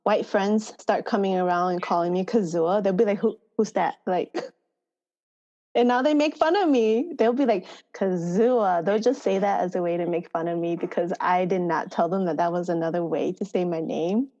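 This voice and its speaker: Heard through a muffled recording, a woman with a fairly low, mellow voice talks at a moderate pace. She has an American accent, comes from Thailand and the United States, and chats informally as a podcast guest and farmer education manager in a conversational interview.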